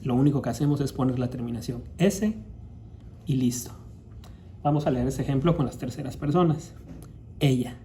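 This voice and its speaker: Speaking in a very dark, mellow mid-range voice, a man with a Latin American Spanish accent teaches recorded English grammar. He goes through each rule patiently and reads the examples slowly, over a faint hum from the room.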